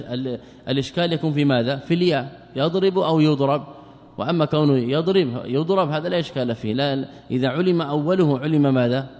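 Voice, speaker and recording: Man, scholar teaching a book, rapid delivery, repeats phrases, rhetorical questions, big hall echo. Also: medium pitch, darkish tone. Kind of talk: lecture explaining a text. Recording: long hall reverb.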